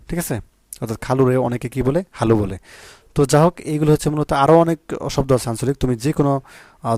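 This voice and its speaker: A man from Bangladesh gives an exam-prep lesson in a warm, mellow voice. He explains patiently and keeps checking that his students are following. The sound is dry and close to the mic. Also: mid-range voice, dry recording. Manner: explains patiently, often asks "ঠিক আছে?"; slow, measured reciting of poem and story. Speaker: teacher.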